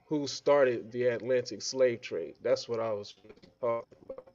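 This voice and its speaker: A man on a group voice chat, his audio coming through muffled and lo-fi as the connection breaks up. He talks at a middling pitch and likes to frame his points as questions for the others to weigh in on. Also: moderate pace, a little mellow. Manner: poses points as questions instead of stating facts. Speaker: participant in an online group discussion. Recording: dull lo-fi voice-chat line.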